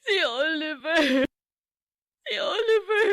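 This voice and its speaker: A woman's voice: high voice, slow pace, creaky, a bit bright, dry recording, studio quality, full character voice. A woman playing a distraught young wife who weeps through her lines in a radio drama. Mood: weeping. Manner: sobbing, tearful outbursts.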